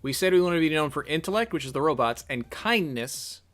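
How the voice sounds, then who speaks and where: A man's voice: fairly high pitch, lively intonation, fairly quick, a bit bright, soft background music. A man reading a text game aloud and thinking through his choices in a chatty let's-play style. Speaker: gamer reading and playing an interactive text game. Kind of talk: let's-play narration with casual commentary.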